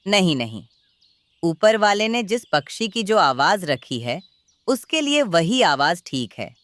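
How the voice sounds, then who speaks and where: A woman voicing a calm forest holy man in a children's cartoon story, gently admonishing. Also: fairly low pitch, measured pace, no echo. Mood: reluctant advising.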